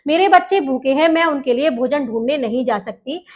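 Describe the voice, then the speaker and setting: A woman's voice: high voice, expressive, brisk, darkish tone. A woman voicing a worried, tender mother squirrel in a children's storybook, speaking in a pleading way.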